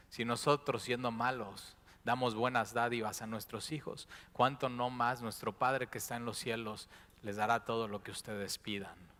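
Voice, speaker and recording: A man preaching a sermon as pastor, moving between hushed, intimate passages and loud, impassioned ones. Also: mid-range voice. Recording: long hall reverb.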